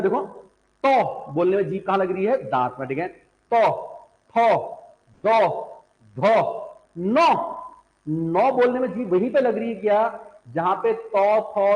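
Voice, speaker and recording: A man's voice: high voice, darkish tone. A young adult man teaching a class, asking students questions, answering them himself and repeating syllables aloud. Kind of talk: classroom lecture on Hindi phonetics. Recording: echoey classroom.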